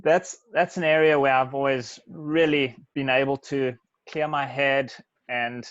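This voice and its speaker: A man giving a relaxed, reflective impromptu speech at a club meeting. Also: medium pitch, measured pace, no room sound, muffled recording. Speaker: meeting participant answering a table topic.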